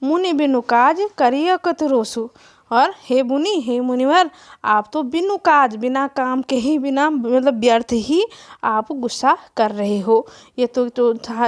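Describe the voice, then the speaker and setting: A woman teacher who chants lines of verse in a slow rhythm and then explains them line by line to students. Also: on the high side. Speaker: Hindi teacher.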